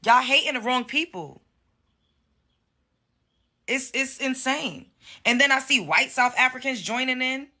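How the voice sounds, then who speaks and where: Fiery bright-voiced New woman ranting. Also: high voice, lively intonation, unhurried, long pauses. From Brooklyn, New York. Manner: heated, confrontational, swearing. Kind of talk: angry social media rant.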